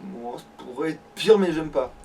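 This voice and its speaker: This let's play gamer talks about the game he's playing at a moderate pace, his slightly high, somewhat mellow voice animated and edged with vocal fry. His casual chat is crude, slangy, and full of swearing, picked up by a distant mic over faint background noise.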